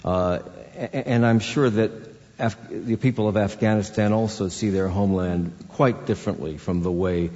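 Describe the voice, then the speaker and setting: A man hosting an interview, asking long, measured questions. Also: on the low side, a little mellow. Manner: measured, reads quotes, asks long questions. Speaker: interviewer, host. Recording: dull sound with long reverb.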